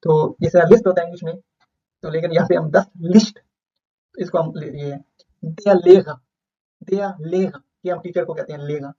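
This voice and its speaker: A man's voice: on the high side, fairly even intonation, normal speed, gravelly, long pauses, mellow. A man teaching a beginner vocabulary lesson, saying each word twice and then explaining it. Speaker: language teacher. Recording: dull lo-fi recording.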